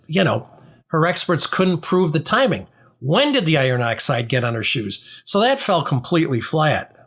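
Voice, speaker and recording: A man's voice: on the high side, a bit bright. A man hosting a true-crime podcast, giving argumentative, skeptical commentary on a trial and rebutting points with rhetorical questions. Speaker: podcast host.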